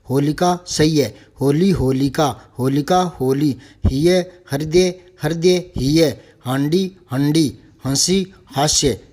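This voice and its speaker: A male Hindi teacher leading a vocabulary lesson, reciting word pairs over and over in a steady, rhythmic drill. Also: a little high, reverberant.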